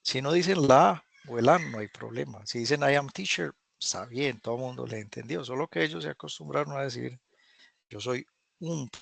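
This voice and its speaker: Man, very gravelly voice, dry sound, online English teacher, patient, repetitive drilling. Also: medium pitch, dry recording. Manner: patient, repeats phrases slowly for drilling. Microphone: video call.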